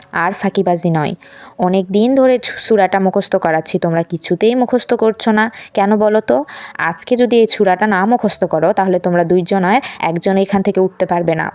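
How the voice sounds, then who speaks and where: A woman's voice: medium pitch, normal speed, darkish tone, no room sound, close to an everyday voice. A woman voicing a strict mother who scolds and lectures her daughters in a doll puppet show. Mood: stern.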